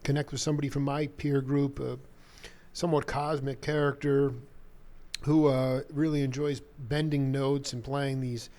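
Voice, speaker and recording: On a live radio talk show, a man with a medium-pitched voice introduces and questions a guest at a moderate pace. He rambles in a relaxed way, using jazz slang and calling musicians "cats." It's a loose, conversational interview.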